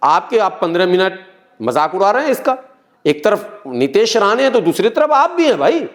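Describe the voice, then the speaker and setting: A man's voice: high-pitched, very animated, moderate pace. A middle-aged man, a guest in an interview, explaining his views earnestly and repeating key phrases. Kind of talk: political interview talk.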